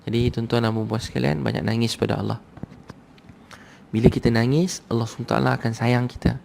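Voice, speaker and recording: Gravelly Malaysian preacher addressing a crowd. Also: male voice, mid-range voice, steady tone, fast, noisy background. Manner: conversational, repetitive, urging the crowd. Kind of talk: sermon to a live audience.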